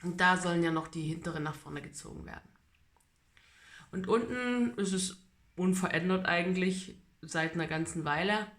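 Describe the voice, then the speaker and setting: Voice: medium pitch, normal speed, fairly bright tone. A person talking casually in a personal video diary, speaking with braces in the mouth. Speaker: vlogger giving a personal treatment update. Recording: roomy, echoing home recording.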